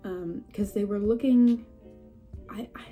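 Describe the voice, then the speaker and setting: Slowly and warmly, a horse breeder vlogger talks through a casual update from her houseplant-filled home, soft music playing behind. A cold makes her young, mid-range voice stuffy and a little scratchy. She rambles, chats, jokes at her own expense and laughs frequently.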